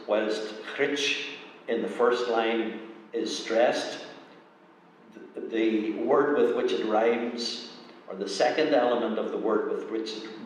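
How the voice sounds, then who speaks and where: A man giving a measured, explanatory lecture presentation on poetry, pausing often with "uh". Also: on the low side, a little hiss or hum. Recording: echoey hall, mic at a distance.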